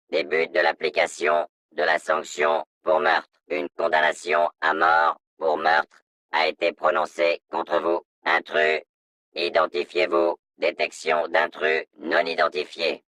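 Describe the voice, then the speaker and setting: An actor voicing a stern male security robot in a video game, through a robotic voice filter, in a flat, monotone, announcement-like delivery. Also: low voice, slow, vocal fry, no echo, heavily acted. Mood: cold, commanding. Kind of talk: video game dub dialogue lines.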